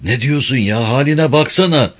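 A man's voice: mid-range voice, moderate pace, lightly acted. A man voicing an angry, crude-mouthed male prison guard in an audiobook. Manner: shouting, crude.

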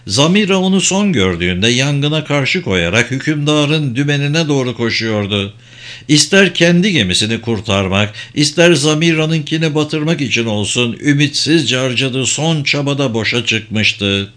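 A male audiobook narrator reads a fantasy story. His delivery is steady and even, at a middling pitch. The narration is scripted and unhurried.

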